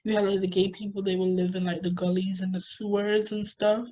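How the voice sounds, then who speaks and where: A woman chats casually at a medium pitch, rambling from one thought to the next. The recording is a bit dull and lo-fi, with some background noise. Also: level tone, fairly quick, warm tone. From Caribbean, lived in Jamaica. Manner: rambling, peppered with "like". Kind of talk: casual chat. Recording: dull lo-fi sound, noisy background.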